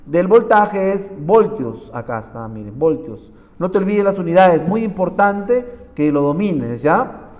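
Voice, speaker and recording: A man with a high voice teaches physics, talking his students through problems step by step. He keeps telling them to look and asks them questions as he works. The recording is dull and muffled, with a long, lingering reverb. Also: lively intonation, measured pace, a little mellow. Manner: keeps saying "miren", quizzing students. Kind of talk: classroom lecture solving problems.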